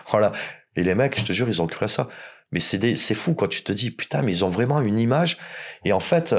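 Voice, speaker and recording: A man from France, a podcast guest, telling stories in casual chat, blunt and joking with plenty of swearing. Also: fairly low pitch.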